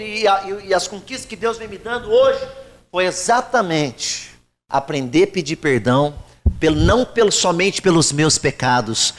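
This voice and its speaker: Fervent preacher in an echoey hall. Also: male voice, high voice. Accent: São Paulo interior Brazilian Portuguese. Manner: animated storytelling, acts out quoted dialogue, rising to loud fervent preaching. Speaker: pastor. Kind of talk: Pentecostal sermon testimony. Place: church hall. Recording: very echoey church hall, voice from far off.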